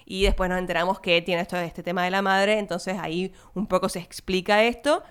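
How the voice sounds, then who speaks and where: A young Argentine woman, not from Buenos Aires, hosting a podcast and chatting casually about a film, laughing and speaking quick asides to her listeners. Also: lowish voice, steady tone, fairly bright tone, clean tone. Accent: Argentine Spanish, not Buenos Aires. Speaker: podcast host.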